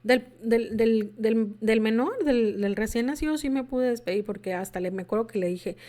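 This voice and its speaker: A woman speaks to her audience in a frank, confessional way, sharing her own story. She slips into the voices of remembered conversations as she goes, and her voice sits somewhat higher than most women's. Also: normal speed, mellow. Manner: confessional, acts out remembered dialogue. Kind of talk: personal testimony to an audience.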